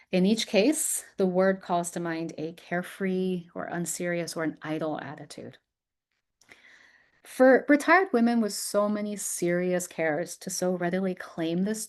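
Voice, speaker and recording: A woman's voice: on the low side, darkish tone. A woman researcher giving an academic lecture, speaking thoughtfully with frequent ums and small restarts.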